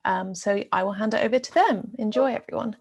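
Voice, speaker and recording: A woman host opening an online event, giving a brief halting welcome with fillers over a video call. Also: mid-range voice, vocal fry, husky. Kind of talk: opening announcement.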